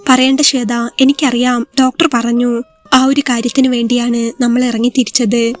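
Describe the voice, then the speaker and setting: A woman voicing an injured young husband who speaks softly and reassuringly in a spoken story. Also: fairly high pitch, level tone, normal speed, close to an everyday voice. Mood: consoling. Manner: soft, reassuring.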